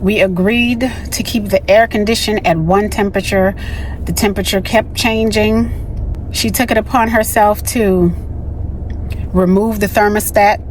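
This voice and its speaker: A woman's voice: medium pitch, fairly even intonation, unhurried, slight background noise, low-quality recording. Candid woman telling a storytime vlog. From raised in Miami, born in the Bahamas. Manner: candid, conversational, with frequent "you know" asides. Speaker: vlogger.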